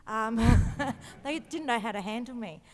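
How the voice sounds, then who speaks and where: Born in Egypt and now living in Australia, a woman reflects personally as a panelist in a large indoor event hall. Her slightly high, bright voice is unhurried with lively intonation, carried through echoey public address sound.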